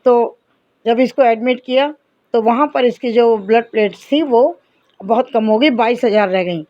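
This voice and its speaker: A woman's voice: on the high side, normal speed, no echo, dull audio. A middle-aged woman earnestly telling a personal devotional testimony. She speaks straight to her listeners and acts out the conversations in her story. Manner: earnest, addresses listeners as companions, reenacts dialogue.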